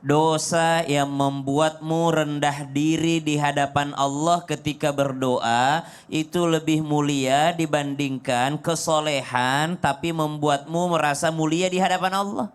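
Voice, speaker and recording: A man, a cleric, answering in a measured, formal, preacherly manner. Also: on the high side, fairly even intonation, clean tone. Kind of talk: sermon-like answer.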